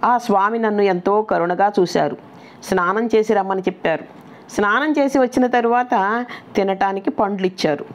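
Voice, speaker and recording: A woman narrating a devotional scripture in a steady, reverent reading style. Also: medium pitch, moderate pace. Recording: dull lo-fi recording.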